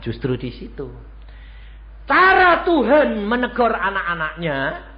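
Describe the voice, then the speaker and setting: Elderly preacher with swooping pitch. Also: male voice, dull audio. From Indonesia. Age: 80s. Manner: storytelling, swooping from loud highs to quiet lows. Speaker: evangelist preacher. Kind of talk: sermon.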